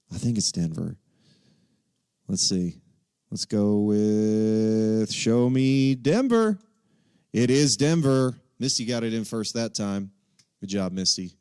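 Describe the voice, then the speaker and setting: A man's voice: fairly low pitch, no echo, studio quality. A man from Texas, casually hosting a live quiz and thinking aloud as he reads out the answer options. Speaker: livestream quiz host.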